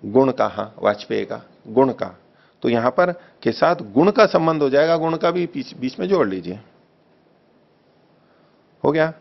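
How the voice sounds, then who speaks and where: A man teaching a text study class, reading a translation slowly, repeating phrases and correcting the wording patiently. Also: medium pitch, lively intonation, creaky. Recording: dull lo-fi recording.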